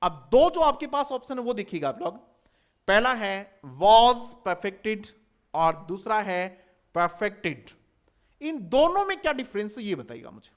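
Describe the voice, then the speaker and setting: An English teacher from India delivers an exam-prep lecture, spelling out words and firing rhetorical questions at his students. His voice sits high, swings widely in pitch, and moves a little slowly.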